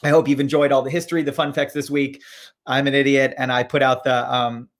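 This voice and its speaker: A man's voice: medium pitch, little pitch movement, fairly quick. A man hosting a casual live-stream interview, chatty and self-deprecating, with plenty of fillers. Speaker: host.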